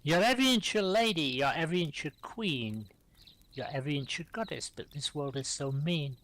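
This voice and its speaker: A middle-aged man with a somewhat high speaking voice hosts a live poetry reading. He recites his own rhyming verse aloud and calmly invites the next reader between poems. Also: moderate pace, slight background noise.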